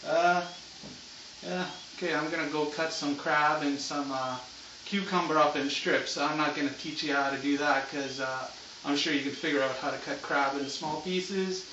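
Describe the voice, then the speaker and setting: A man's voice: a little high, steady tone, moderate pace, background noise. Laid-back stoner-like man, muffled echoey recording. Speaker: home cooking show host. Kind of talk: casual unscripted cooking demonstration. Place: home kitchen. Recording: muffled, echoey room, far from mic.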